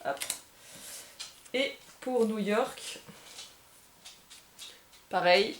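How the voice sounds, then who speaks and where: A woman's voice: mid-range voice, drawn-out words, a little hiss or hum. A woman casually unboxing and presenting a board game, thinking aloud and gushing with delight over small details. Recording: echoey room.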